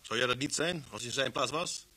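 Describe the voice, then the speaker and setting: An actor playing a steady police inspector who narrates, terse and firm, in an old radio drama. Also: male voice, mid-range voice, fairly quick, husky. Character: steady male police inspector, worried family man. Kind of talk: 1970s Dutch radio drama acting.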